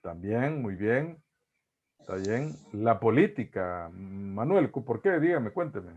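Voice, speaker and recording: Halting Salvadoran lecturer on a dull call. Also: male voice, fairly low pitch, very animated, a little mellow. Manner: halting, repeats words, tags "¿va?" often. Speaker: university psychology lecturer. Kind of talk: online lecture. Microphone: video call. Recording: dull lo-fi video call audio.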